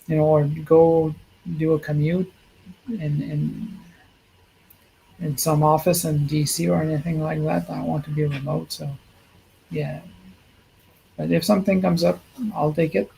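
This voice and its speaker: A man's voice: fairly even intonation, unhurried, gravelly, long pauses, a little mellow, breathy edge, rough recording. A middle-aged man talking casually and rambling a little as he gives a livestream update from a hospital room. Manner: low-key and rambling. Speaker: streamer giving a health update.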